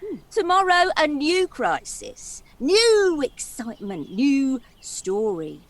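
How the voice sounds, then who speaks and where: Princess in a stage comedy: expressive, highly animated, unhurried, storytelling with relish and tenderness. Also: female voice, exaggerated voice. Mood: dramatic, wry. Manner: dramatic, giggly, wistful storyteller. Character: theatrical, chatty princess, fond companion of a dragon.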